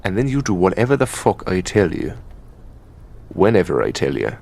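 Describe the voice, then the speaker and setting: A man voices an Irish elder demon boyfriend in an intimate ASMR roleplay monologue, his voice fairly low, creaky and darkish. Exasperated, possessive and bargaining, he mocks in a halting, conversational way, swears plenty, and swings his pitch widely in a heavily acted performance.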